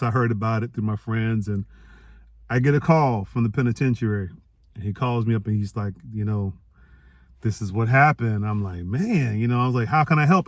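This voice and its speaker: A man telling a personal story to an audience, acting out the dialogue with lively jumps in his voice. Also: no echo. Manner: animated, acts out quoted dialogue with pitch jumps. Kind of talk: storytelling talk.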